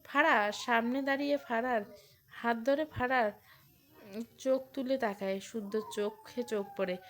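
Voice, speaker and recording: Woman narrator, slightly high voice, expressive romantic audio story reading. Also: moderate pace.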